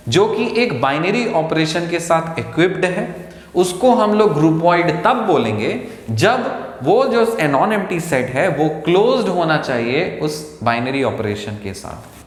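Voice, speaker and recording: Man, maths lecturer, slow deliberate delivery, asks and answers his own questions, echoey room. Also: on the high side. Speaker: maths teacher. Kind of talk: lecture mixing Hindi and English. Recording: echoey room with long reverb.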